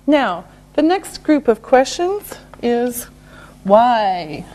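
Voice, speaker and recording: Very slow, high-voiced English teacher woman. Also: sing-song, dark tone. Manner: very slow, over-enunciated, repeats each example. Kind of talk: slow, deliberate ESL lesson.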